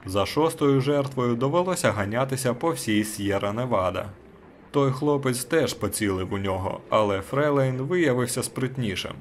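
A man narrating a short story as an audiobook in a steady, measured way. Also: medium pitch, slight background noise.

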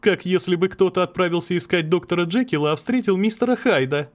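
A man's voice: on the high side, lively intonation, normal speed, voice pushed up, close to an everyday voice. Man doing a pleading, lovesick young man. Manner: pleading, earnest. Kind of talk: audiobook character reading.

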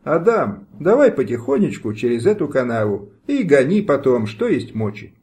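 A man reading an audiobook, voicing a resolute noblewoman who gives brisk orders to her servants. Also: mid-range voice, sing-song, a little mellow, lightly acted. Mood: calm. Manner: brisk, commanding.

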